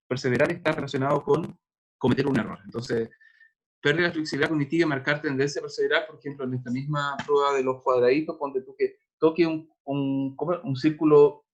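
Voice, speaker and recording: A middle-aged man gives a university lecture in a conversational way, working through examples with frequent hesitations. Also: on the high side. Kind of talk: recorded lecture on neuropsychology.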